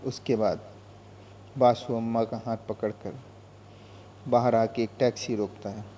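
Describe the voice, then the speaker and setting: A male storyteller reads in a gentle, reflective way, taking his time. His voice is mellow and darkish. The recording is slightly dull, with faint room ambience. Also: medium pitch, steady tone, unhurried, a little hiss or hum. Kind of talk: calm story narration.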